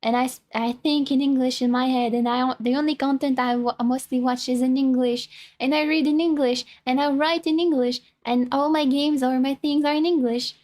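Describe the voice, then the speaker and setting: This young French VTuber, reacting to a video in casual chat, has a high-pitched, slightly dark voice that holds a steady tone and runs a bit fast. She rambles in her French accent, self-conscious and often starting over.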